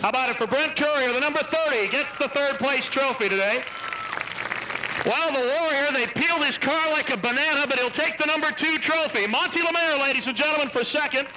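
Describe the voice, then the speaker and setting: A man calling a live stock car race as a booming, pumped-up announcer with a wisecracking streak. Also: fairly quick, low-quality recording. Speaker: race announcer and trackside interviewer. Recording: loud engine and track noise. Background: car engines and track ambience.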